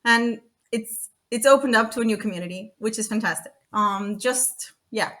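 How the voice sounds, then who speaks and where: Speaking at a moderate pace in a slightly high, somewhat bright voice, this thirty-something data consultant from Romania is a chatty podcast guest. She laughs a lot and keeps restarting, with plenty of fillers.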